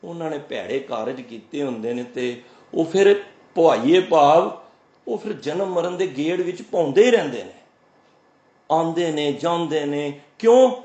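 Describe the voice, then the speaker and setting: A man's voice: fairly high pitch, darkish tone. Man giving a sermon in an echoey room. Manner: explains verses slowly, chants quoted lines, asks and answers his own questions. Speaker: Sikh preacher. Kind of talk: scripture exposition.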